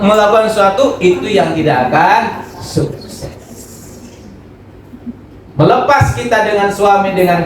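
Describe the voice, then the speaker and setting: High-voiced man preaching, acts out examples, asks the crowd stuff, echoey room, far mic, noisy. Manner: lively, acts out examples, asks audience questions. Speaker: Islamic preacher. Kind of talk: religious study sermon. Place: study gathering room.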